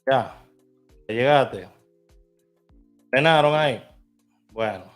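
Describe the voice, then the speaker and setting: A man's voice: mid-range voice, lively intonation, slow, faint music behind. A man in a casual vlog, chatting to viewers as he walks through placing lottery bets on his phone, from inside a car. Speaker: vlogger. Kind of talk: casual screen walkthrough.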